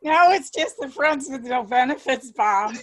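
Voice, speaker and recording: A woman's voice: high-pitched, expressive, measured pace. A woman co-hosting a casual comedy chat, teasing and sarcastic. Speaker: co-host.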